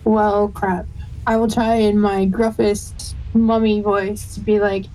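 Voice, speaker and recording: A woman's voice: mid-range voice, little pitch movement, takes it slowly, dark tone, rough recording. A woman chatting casually as a tabletop game player, thinking aloud.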